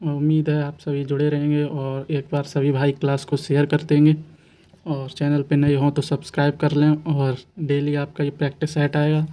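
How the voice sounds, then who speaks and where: Mellow-voiced male exam coach, flat delivery. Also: fairly high pitch, normal speed. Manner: patient, repeats questions and answers, asks rhetorical questions. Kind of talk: explaining quiz answers to students.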